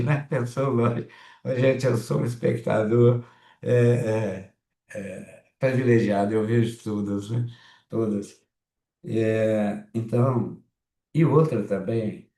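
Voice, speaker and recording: A gravelly, mellow-toned man with a Mineiro accent gives a class in a chatty, blunt manner, breaking into lively asides. He sounds middle-aged, and his voice rings in an echoey room. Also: fairly low pitch. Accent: Mineiro Brazilian Portuguese. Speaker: psychoanalysis teacher. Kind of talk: online class talk.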